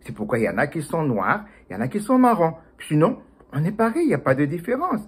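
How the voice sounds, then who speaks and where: Guy voicing a sweet earnest little mouse, husky, kinda high. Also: wildly swooping pitch, fast talker, exaggerated voice.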